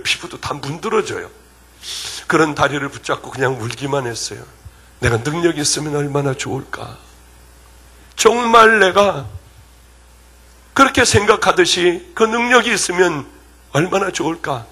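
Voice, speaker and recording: A middle-aged man, a pastor preaching a sermon at a revival meeting, telling his story with feeling and swinging from loud to hushed. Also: a little high, slightly rough.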